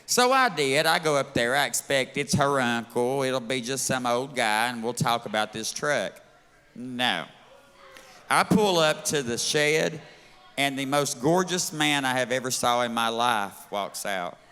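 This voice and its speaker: Southern-accented male comic, brassy bright tone, smooth voice, bawdy live club delivery, echoey bar room. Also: mid-range voice, expressive, a little slow. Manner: brash, bawdy, drawling. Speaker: stand-up comedian. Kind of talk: live stand-up set. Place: bar stage at a live event.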